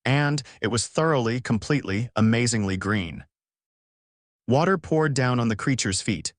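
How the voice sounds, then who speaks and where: A man's voice: mid-range voice, animated, normal speed, no echo, clean studio sound. Man narrating a short story. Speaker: author reading his story.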